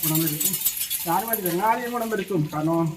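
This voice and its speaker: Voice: mid-range voice, brisk. A temple oracle with a North Malabar Kerala accent, speaking as if possessed in repeated ritual blessing formulas. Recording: distant, very noisy field recording.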